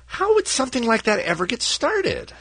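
A man's voice: very high voice, wildly swooping pitch, normal speed, sharp tone. A middle-aged man hosting a radio show in casual, conversational banter on a close studio microphone.

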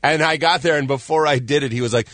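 A man in his thirties, a comedian guest on a radio show, chatting in an animated, self-mocking way and laughing often. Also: on the high side, fast talker, dry recording. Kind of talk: casual radio interview chat. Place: radio studio. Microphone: studio microphone.

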